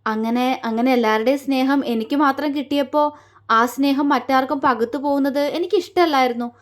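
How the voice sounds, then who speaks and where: A woman voicing a remorseful young woman in an audio story, speaking haltingly and pleadingly. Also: high voice, lightly acted. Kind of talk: audiobook character reading.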